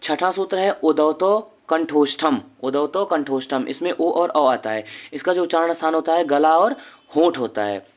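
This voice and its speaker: Male tutor, fairly high voice, slow and deliberate, stretches out each sound when pronouncing. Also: expressive. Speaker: teacher. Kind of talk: explanatory lesson.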